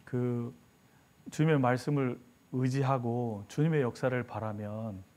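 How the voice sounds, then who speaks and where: Animated male pastor preaching. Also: medium pitch, measured pace. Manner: animated storytelling, acting out the story's voices. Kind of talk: sermon. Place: church sanctuary.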